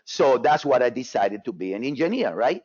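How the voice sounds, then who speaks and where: Born in Cuba, a man leads a live trading webinar in a husky, darkish mid-range voice with big pitch swings at a moderate pace. The sound is dry, muffled, and echo-free, and he's casual and repetitive, using lots of fillers and restarting constantly.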